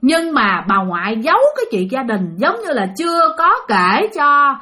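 A woman's voice: high voice, big pitch swings, moderate pace, sharp tone. A woman with a Southern Vietnamese accent telling a spooky story, chatty and talking straight to her listeners. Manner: chatty, addresses listeners directly.

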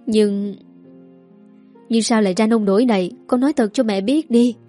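A woman voicing a worried middle-aged village mother who questions her daughter firmly but gently. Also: on the high side, moderate pace, faint music behind, lightly acted. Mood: coaxing. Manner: firm but coaxing.

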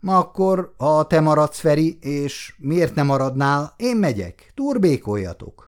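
A sugary, condescending young woman put on by a male reader, lifted in pitch and full of sweet, teasing lilts. A spoken storybook voice with wide swings in tone. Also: very animated. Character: young woman, smug, gushing, teasing rival.

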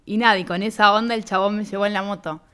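An Argentine woman chats as a guest in a radio interview, recounting her travels in a loose, anecdotal way. She keeps slipping into the dialogue, replaying what each person said. Her voice sits at an everyday middle pitch. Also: quick pace, clean tone. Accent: Argentine Spanish. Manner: lively anecdotal, reenacts dialogue with "me dice". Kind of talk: casual radio interview storytelling.

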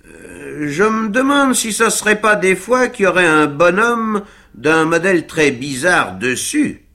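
A cheeky, cheerful manservant, talking up loudly and brightly, as a male reader puts him on. He coaxes and teases with lively leaps in pitch. Bright and forceful. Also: a little slow, exaggerated voice. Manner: jaunty, coaxing. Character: cheeky cockney-style manservant, encouraging.

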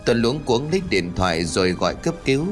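A man narrating a ghost story in a lively storytelling manner. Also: mid-range voice, fast, soft background music.

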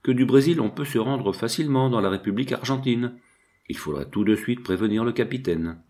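A man's voice: medium pitch, fairly quick, darkish tone, voice pushed up, lightly acted. A man reading an audiobook, voicing a fussy, pleasure-seeking male thief on the run. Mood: agreeable.

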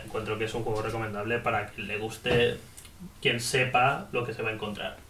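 A man's voice: fairly low pitch, level tone, brisk, noisy background. A male co-host chats casually about games, joking and swearing. His voice sounds roomy and a little distant from the mic. He laughs often. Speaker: game reviewer co-host. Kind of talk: casual podcast chat. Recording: roomy, a bit far from mic.

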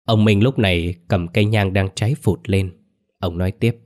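A man narrating a scripted ghost story in a steady, even way. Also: low-pitched, moderate pace.

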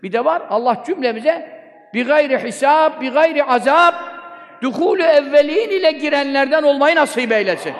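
High-voiced preacher at a pulpit microphone. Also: male voice, lively intonation, moderate pace. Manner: fervent preaching with rhetorical questions he answers himself. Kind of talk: sermon. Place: speaking from a pulpit. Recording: long hall reverb.

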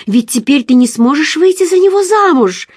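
A woman reader voicing an excitable, gossipy young woman friend who talks loudly in exclamations. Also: mid-range voice, unhurried, slightly rough, no echo, clean studio sound. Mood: excited. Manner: loud, exclamatory, emphatic.

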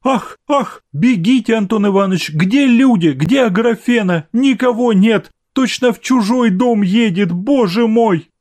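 A man reading an audiobook and voicing an anxious, tender old mother in a high, emotional voice. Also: very animated, slow pace, warm tone, no room sound. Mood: frantic. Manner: emotional, crying out.

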